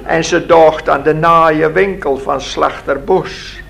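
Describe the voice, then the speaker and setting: A man reads a story aloud in a slow, measured voice. His tone sits a little high and has a gravelly rasp. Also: fairly even intonation, noisy background.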